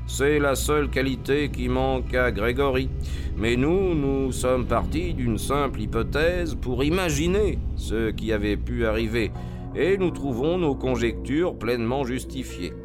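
A man voicing a keen, self-assured gentleman detective in a reading of a detective story, sounding lively and a little lofty. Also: medium pitch, unhurried, music in the background, voice pushed up, lightly acted. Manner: lively and confident, a touch lofty. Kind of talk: audiobook narration.

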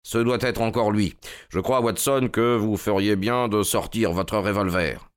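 A man voicing an eager, commanding male detective who speaks briskly and urgently. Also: on the low side, clean tone, lightly acted.

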